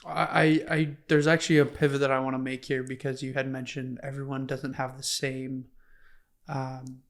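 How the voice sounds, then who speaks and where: Smooth, even-toned young male podcast host. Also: medium pitch, normal speed. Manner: rambling, hesitant question setups. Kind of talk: casual podcast interview. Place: home living room, indoors. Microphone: boom-arm podcast mic.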